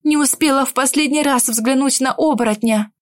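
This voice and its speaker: A woman reading a first-person fantasy romance audiobook in an expressive, emotional way. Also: high-pitched, fairly quick, no echo, studio quality. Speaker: audiobook narrator. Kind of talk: first-person scripted narration.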